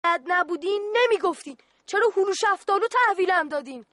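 A woman's voice: very high voice, expressive, a bit bright, dry recording. Woman playing a stern young boy sentry. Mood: scolding. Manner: stern, officious, scolding. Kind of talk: radio play acting.

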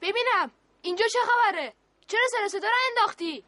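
A woman voicing a young boy who leads his friends' war game, in a radio play, talking in a calm, polite, commanding way. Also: very high voice, no echo, full character voice.

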